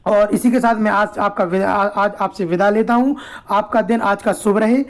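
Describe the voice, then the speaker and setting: A man's voice: sits high, steady tone, normal speed. A man teaching an exam-prep lesson in a casual, explanatory way. He repeats himself, asks his own questions, answers them, and keeps checking in with "theek hai.".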